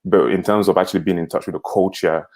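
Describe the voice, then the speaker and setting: A man in his twenties from Cameroon, a guest on a livestream interview, talking in a relaxed, conversational way and often chuckling. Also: sits low, fast talker. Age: 20s. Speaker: guest, company co-founder.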